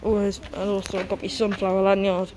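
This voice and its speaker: A woman's voice: mid-range voice, completely flat delivery, fast talker, darkish tone. A young woman with a North East English accent gives casual vlog commentary through a face mask, slightly muffled, announcing trains as she goes. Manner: announces train numbers and destinations. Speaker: host of a train-spotting vlog. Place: outdoors on a railway station platform. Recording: noisy outdoor station with vehicle noise.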